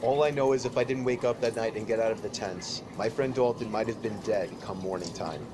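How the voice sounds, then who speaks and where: A man's voice: lowish voice, a little fast. Man narrating a horror story over heavy noise. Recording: loud background noise. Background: loud noise.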